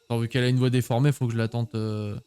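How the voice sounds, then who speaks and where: Un homme qui commente sa partie de jeu vidéo de façon décontractée, joueuse et pleine d'exclamations. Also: male voice, medium pitch, flat delivery, very fast, dark tone, clean tone, no room sound. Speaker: video game streamer. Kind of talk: casual gameplay commentary.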